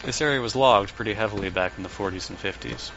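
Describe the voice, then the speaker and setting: A man with a fairly low voice talks fast and acts lightly as a sardonic, blunt, unorthodox therapist, a man older than he looks, in an audio drama. The mood is reflective and his way of talking is dry and probing, covering dialogue and dictated case notes. The audio is muffled under heavy background noise.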